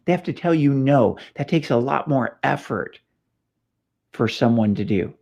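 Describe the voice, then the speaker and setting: With a medium-pitched, creaky, slightly mellow voice, this animated but somewhat slow middle-aged man from California leads a casual police training session. He rambles through stories with frequent fillers and false starts, captured in slightly dull lo-fi sound.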